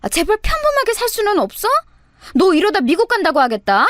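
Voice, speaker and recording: A woman voicing an exasperated middle-aged mother who scolds her daughter loudly and sighs, in a radio story reading. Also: extremely high pitch, wildly swooping pitch, fairly quick, no room sound, clean studio sound, pitched above the performer's own voice, full character voice. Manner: loud, sighing, scolding.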